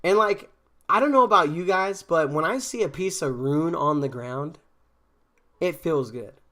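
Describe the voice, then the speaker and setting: Chatting casually with viewers on his game stream, a man rambles along with plenty of fillers and false starts. His slightly high, sharp voice keeps a measured pace, and he's a bit stuffed up from a cold.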